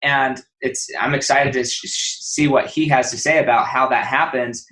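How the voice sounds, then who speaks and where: A man's voice: medium pitch, steady tone, moderate pace, pushed and bright, rough recording. Eager male podcast host. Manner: eager, enthusiastic, rambling. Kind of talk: casual podcast introduction.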